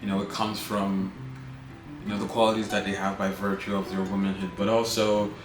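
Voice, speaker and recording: This vlogger, a man from Nigeria in his twenties, talks a little fast in a lowish voice with a flat delivery. Guitar music plays behind his reflective personal monologue, which he peppers with "right?" to check in.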